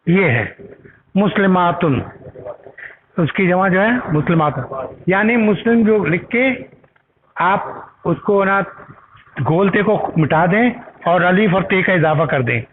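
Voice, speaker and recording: A man teaching an Arabic grammar class, patiently repeating each word with its meaning and asking learners to say it aloud. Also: sits high. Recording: tinny phone-like recording with loud noise.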